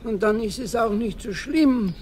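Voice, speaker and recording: An old Bavarian caretaker, folksy. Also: male voice, high voice, measured pace, a little mellow, a little hiss or hum. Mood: kindly stern. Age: older. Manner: folksy, chuckling, scolding kindly. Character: gruff but kindly old male caretaker. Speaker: building caretaker. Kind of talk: 1970s radio play acting.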